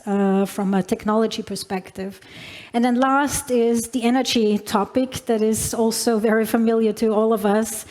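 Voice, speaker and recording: In a big hall with long reverb, an Alpine-region woman delivers a conference keynote in accented English, addressing the audience with many fillers and restarts. Her voice sits a little high and has a darkish tone.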